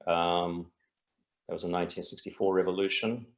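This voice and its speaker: Deep low-pitched man from tanzania, calm and meandering guest on a video call, sound kinda dull and muffled. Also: moderate pace, gravelly. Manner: reflective, earnest, meandering. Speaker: guest, spiritual speaker. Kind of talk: casual interview conversation.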